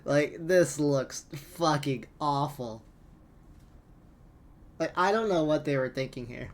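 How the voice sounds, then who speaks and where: A man's voice: fairly high pitch, slow pace. A man giving a casual, exasperated rant as gaming commentary, incredulous and prone to swearing.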